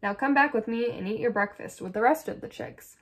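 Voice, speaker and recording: A woman voicing a gentle, patient mother hen in a read-aloud storybook, speaking softly and calmly. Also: on the high side, brisk, lightly acted. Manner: soft, calm and reassuring.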